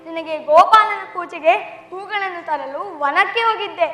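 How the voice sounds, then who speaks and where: A woman's voice: very high voice, normal speed, pushed and bright, slight background noise. A woman playing the timid young boy Gopala in a stage play, speaking in an earnest, childlike, pleading way. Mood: eager. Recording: echoey hall with music.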